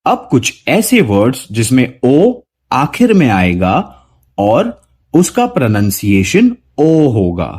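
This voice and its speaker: A man teaching English pronunciation to Hindi speakers, saying sample words one by one with deliberate, drawn-out care. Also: husky. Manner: drawn-out word examples with a lively rising pitch. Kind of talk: slow, deliberate pronunciation lesson.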